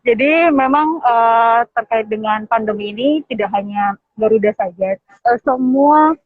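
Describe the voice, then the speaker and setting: A woman's voice: fairly high pitch, unhurried, no room sound. A woman from Lombok, Indonesia, chatting casually as an interview guest while speaking through a face mask. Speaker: airline general manager, guest. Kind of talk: casual live interview chat. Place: at an airport. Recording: thin phone-like internet call audio.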